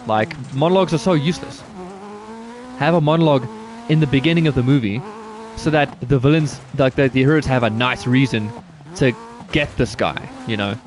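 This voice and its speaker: A man's voice: mid-range voice, a little fast. A man streaming a driving game, chatting casually with his viewers in a loose, rambling way, now and then swearing. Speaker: gaming streamer. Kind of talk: casual live-stream chat while playing. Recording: loud game car-engine noise under the voice. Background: rally car engine and game sounds.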